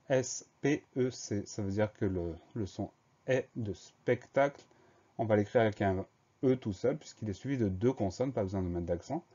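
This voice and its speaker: A man teaching schoolchildren their spelling, his voice low and mellow. He walks through every word patiently, letter by letter, in a calm, methodical way. The recording sounds dull and lo-fi.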